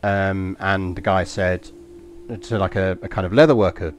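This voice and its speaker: A man's voice: deep voice, fairly even intonation, moderate pace. A man from East London with an English accent, giving rambling, anecdotal live-stream commentary on a strategy game and swearing casually.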